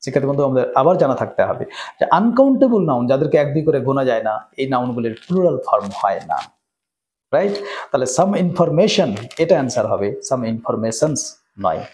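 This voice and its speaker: A man's voice: mid-range voice, very animated, darkish tone. A man with a Bengali accent teaching English grammar, explaining each rule and often checking with "right?". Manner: asks "right?" often, reads example sentences slowly. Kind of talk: explanatory lesson.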